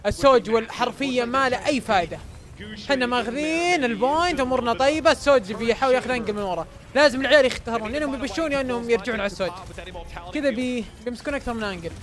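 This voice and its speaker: High, excitable man streamer. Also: very fast. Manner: excitable, cheers and chants repeatedly, urges the team on. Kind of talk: excited live watch-along commentary.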